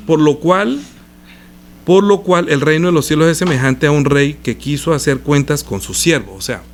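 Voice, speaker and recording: A man's voice: a little high, a little hiss or hum. A male pastor preaching a sermon, reading scripture aloud and stopping to explain it with rhetorical questions.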